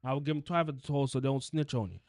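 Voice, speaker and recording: A man's voice: medium pitch, racing, a little mellow, no echo, clean studio sound. A man, a podcast co-host and tow truck driver, telling work stories in crude casual chat full of swearing.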